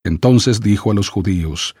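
A man reading scripture aloud for an audiobook in a measured, solemn way. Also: lowish voice, darkish tone, breathy edge, dry recording, studio quality. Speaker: scripture reader.

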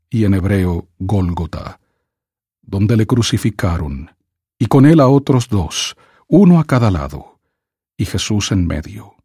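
A man reading scripture aloud for an audiobook in a measured, solemn way. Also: lowish voice, warm tone, slightly rough, no echo, studio quality. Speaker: scripture reader.

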